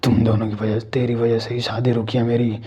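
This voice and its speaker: A man voicing a vengeful female bride ghost with bleeding eyes, in a dreadful low rasping voice, for a spoken horror story. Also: little pitch movement, fairly quick, background noise, close to an everyday voice. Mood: menacing.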